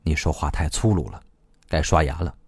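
A man voicing a cool, dominant low-voiced man. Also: dry recording. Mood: cool, insistent. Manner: low, slow, even, cool. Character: calm, forceful man, quietly dominant.

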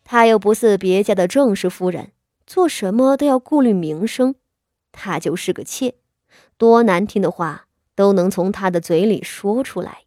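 A woman with a gentle, sweet voice narrating an audiobook in a measured storytelling manner. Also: mid-range voice, lively intonation, no room sound, studio quality.

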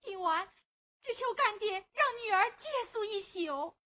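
A woman's voice: very high-pitched, expressive, unhurried. A woman playing a young woman pleading for justice in Huangmei opera, earnest and tearful, on a dull lo-fi recording. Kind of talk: Huangmei opera stage acting.

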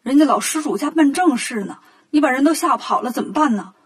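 A woman voicing a timid, tearful male monk master in a children's story, speaking softly and fretfully. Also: fairly high pitch, normal speed, breathy edge. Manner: soft, fretful, gentle.

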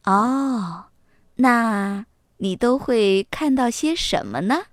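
A woman voicing a gentle, worried mother fox in a children's storybook reading, soft and encouraging. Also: on the high side, animated, takes it slowly, no echo, clean studio sound. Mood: caring.

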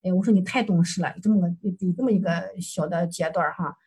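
A woman's voice: lowish voice, fast talker, darkish tone, breathy edge. A woman counselor presenting a client case for supervision, recounting session dialogue hesitantly with many fillers and self-corrections.

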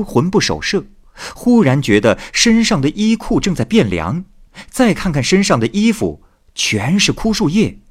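A man's voice: mid-range voice, husky. A man narrating a classic tale expressively, voicing each figure himself. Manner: expressive, lively, voices every figure. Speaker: storyteller.

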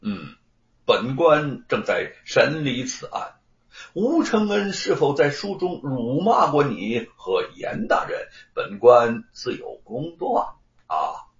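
A man voicing a stern, shrewd prefect judge in an audiobook story, with a measured official cadence and booming pronouncements. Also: huge pitch swings, heavily acted. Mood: stern, mocking. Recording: roomy, slightly dull recording.

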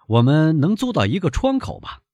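A man reading aloud, voicing a calm, shrewd young gentleman who teases and bargains. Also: a little high, normal speed, dry recording, voice pushed up. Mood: matter-of-fact. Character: young gentleman, calm, knowing, quick-witted.

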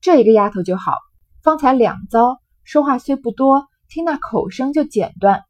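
A bossy young noblewoman who teases and gives orders in quick, confident phrases, read aloud by a woman. Her voice sits at a middling pitch with a slightly breathy grain. It sounds close and dry, with no room sound. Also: lively intonation, no room sound. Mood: teasing. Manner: brisk, teasing, commanding. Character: sharp-tongued young noblewoman running a great household.

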